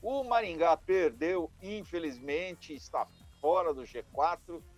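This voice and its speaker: A man giving a lively weather and football report on radio, often addressing the host directly. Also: on the high side, unhurried, soft background music. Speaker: weather and sports correspondent.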